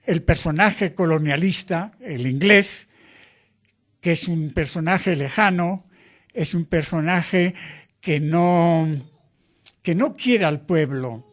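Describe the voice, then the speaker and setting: An older priest talks about his missionary work in a slow, earnest, explanatory way. His voice sits a little on the high side for a man. He lays out each point with care. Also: fairly bright tone.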